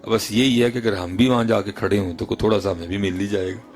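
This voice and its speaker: Preaching with deep emotion, this Punjabi-accented man in his thirties weaves stories into his sermon, swinging between loud bursts and quiet lines. He speaks in a lowish voice with fairly even intonation, and faint music plays behind him.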